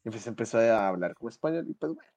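Slangy young Mexican man, mellow voice. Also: mid-range voice, lively intonation, fast. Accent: Mexican Spanish. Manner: slangy, rambling, many fillers and restarts. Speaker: podcast co-host. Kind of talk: casual chat.

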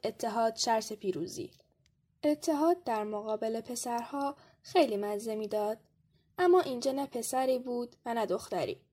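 Woman reader, fairly high voice, steady first-person storytelling for a podcast. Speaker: podcast co-host. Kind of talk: reading a story aloud.

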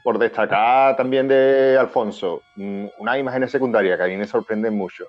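A man's voice: on the low side, moderate pace, no room sound. A man talks casually as a guest, agreeing easily and telling what moved him as a child. His voice sits in the usual male range and sounds dry and dull, with faint music behind. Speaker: guest in a talk show. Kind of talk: casual chat.

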